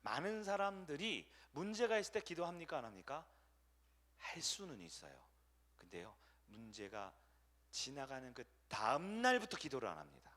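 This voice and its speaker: Lively questioning male pastor preaching. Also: mid-range voice, moderate pace. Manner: asks the congregation questions and answers them himself; acts out short quoted voices. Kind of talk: sermon.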